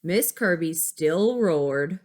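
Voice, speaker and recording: A woman schoolteacher reads a picture book aloud to young pupils, keeping her phrasing simple and child-directed and pausing to ask checking questions. Her voice is fairly low and darkish, with lively intonation and drawn-out words.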